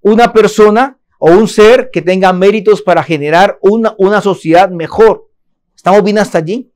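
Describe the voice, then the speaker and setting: High-voiced man teaching Torah. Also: moderate pace, a little mellow. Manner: asks the audience questions and answers them himself. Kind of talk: Torah lesson to a congregation.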